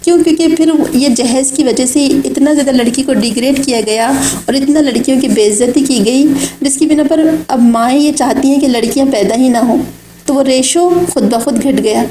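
A woman's voice: high-pitched, dark tone, slight background noise. A woman giving an Islamic lecture, speaking in an earnest, exhorting way. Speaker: religious speaker. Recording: echoey room.

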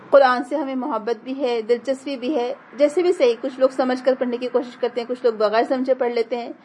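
A woman's voice: high voice, a little mellow. Earnest woman teaching a religious class. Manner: earnest, explanatory, urging.

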